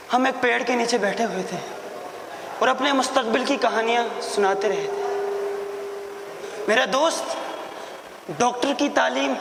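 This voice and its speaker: A young man tells a story in a dramatic stage monologue, unhurried and earnest. His voice is very high with a gravelly edge. It echoes through a large hall with a faint hiss behind. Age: young adult. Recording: echoey hall, long reverb.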